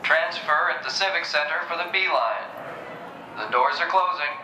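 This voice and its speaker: A man's voice: on the high side, lively intonation, moderate pace, natural voice. A man playing an orderly train announcer, reading scripted stops in a clipped way over the intercom. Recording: echoey, noisy public-address sound.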